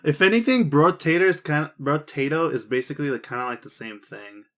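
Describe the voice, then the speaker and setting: A man's voice: a little high, a little fast, fairly bright tone. A young man co-hosting a podcast, talking hesitantly with many fillers. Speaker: podcast co-host. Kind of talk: casual chat.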